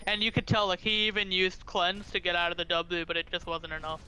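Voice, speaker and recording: A man's voice: high voice, completely flat delivery, fairly quick, sharp tone, a little hiss or hum, poor audio. A man doing casual color commentary on an esports match, often saying "honestly" and "you know". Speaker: esports co-caster.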